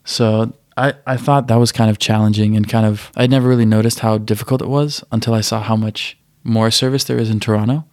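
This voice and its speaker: Flat-voiced man chatting as a podcast guest. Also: fairly low pitch, brisk, hardly any pauses, no room sound, studio quality. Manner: relaxed, easygoing, many fillers. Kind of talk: casual conversation.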